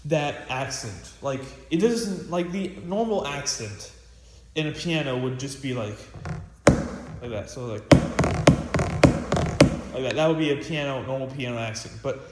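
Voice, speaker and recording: A teenage boy, a student percussionist, gives a casual snare drum lesson in a practice room with a drum pad, rambling with plenty of fillers and restarts. His voice is mid-range and unhurried, with long pauses. The room is echoey and the recording carries loud hiss.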